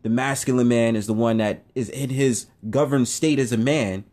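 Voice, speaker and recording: A man's voice: medium pitch, normal speed, darkish tone. A young man hosting his own show, giving a casual, blunt opinion monologue that rambles and circles back on itself. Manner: rambling, blunt, repeats himself. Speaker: show host.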